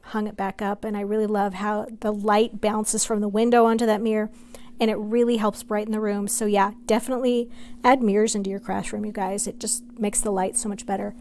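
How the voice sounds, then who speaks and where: A woman's voice: on the high side, darkish tone, slight background noise. A middle-aged woman giving a casual, chatty makeover tour as a vlog host, enthusiastic and gushing to her viewers. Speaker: craft vlogger and host.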